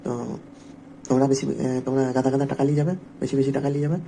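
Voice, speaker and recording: A man spins a joking, rambling anecdote at a quick clip. His voice is gravelly and mellow, with faint background noise behind it. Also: medium pitch, flat delivery, low-quality recording. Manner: joking, rambling anecdote with local dialect words. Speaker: vlogger. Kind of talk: casual storytelling to camera.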